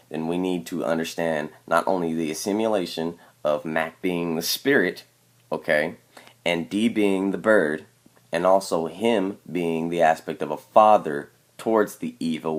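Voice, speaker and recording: A man giving an explanatory commentary over clips, emphatic and constantly checking in with "okay?". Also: low voice. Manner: emphatic, repeats "okay?" to press points. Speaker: video commentator.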